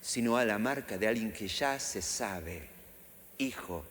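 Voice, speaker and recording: Rioplatense pastor preaching in an echoey hall. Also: male voice, lowish voice, measured pace. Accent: Rioplatense Spanish. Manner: lively, acts out quotes in raised voices. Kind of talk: sermon. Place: church hall. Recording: echoey church hall, faint ambience.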